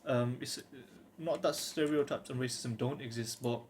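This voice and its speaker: Speaking casually and earnestly to camera, this twenty-something vlogger from the UK tends to hesitate and ramble. He has a mid-range voice with fairly even intonation, delivered at a normal speed, over faint background noise.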